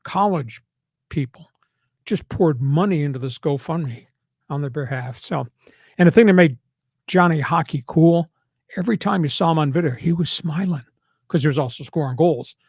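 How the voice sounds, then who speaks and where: A man's voice: a little high, normal speed, darkish tone, slightly rough, dry recording, clean studio sound. An older man hosting a sports podcast, talking in a punchy, emphatic way and going off on preachy rants. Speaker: sports talk host. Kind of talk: casual sports talk.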